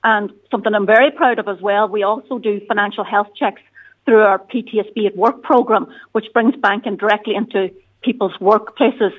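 A woman's voice: medium pitch, steady tone, fairly quick. A woman with a Donegal Irish accent answering as a radio interview guest, often dropping in "you know" and "look". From County Donegal, Ireland. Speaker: bank territory manager, interview guest. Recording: tinny phone-line sound.

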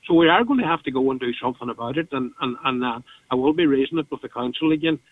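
A man with an Irish accent gives an earnest, halting interview answer as a local politician, repeating words as he goes. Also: medium pitch, animated. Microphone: phone call. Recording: tinny, narrow phone line.

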